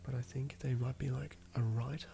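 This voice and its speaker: An Australian man murmurs in a hushed ASMR whisper, rambling and thinking aloud. His voice has a mid-range pitch and a gravelly texture. A clear layer of ambient noise sits behind him. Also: flat delivery, fairly quick. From southern Australia. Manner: soft whisper, musing and rambling. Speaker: ASMR creator building a game character. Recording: noisy ambient background.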